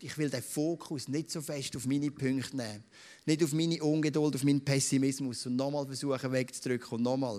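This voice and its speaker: A man with a Swiss German accent preaching a sermon in a church, earnest and pausing often with fillers. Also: medium pitch. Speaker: pastor. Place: church hall with a live audience. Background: band playing softly.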